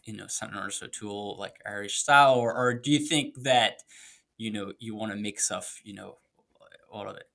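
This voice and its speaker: Male podcast host, casual, encouraging, quick to laugh. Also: lowish voice, vocal fry, a bit bright. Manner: chatty, encouraging, laughs easily. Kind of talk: casual interview chat.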